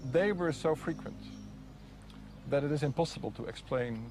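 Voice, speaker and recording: A man's voice: fairly high pitch, moderate pace. A man speaking as an expert in an unscripted documentary interview, hesitant and often repeating words. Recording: clear background ambient noise.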